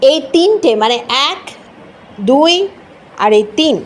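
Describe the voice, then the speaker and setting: High-voiced woman teaching with a Bengali accent. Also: animated, a little hiss or hum. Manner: patient, repeats sounds slowly, mixes English into Bengali. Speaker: English teacher. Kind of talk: explanatory lesson.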